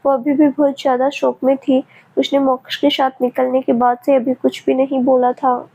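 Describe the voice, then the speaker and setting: A woman narrating a family story aloud in a steady, even reading, on a tinny, phone-like recording. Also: sits high, moderate pace.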